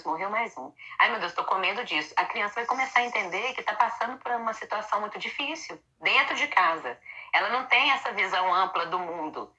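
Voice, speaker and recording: A woman, a child psychologist, explaining calmly in a casual interview and acting out quoted children and mothers. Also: mid-range voice. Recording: dull lo-fi phone line.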